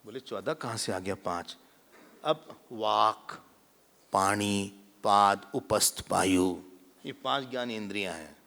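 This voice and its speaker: A man, a swami, giving a lively spiritual discourse with jokes, mimicking everyday people. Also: on the low side, takes it slowly, gravelly. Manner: animated, mimics everyday people, mixes English words. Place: large hall at a retreat. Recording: long hall reverb.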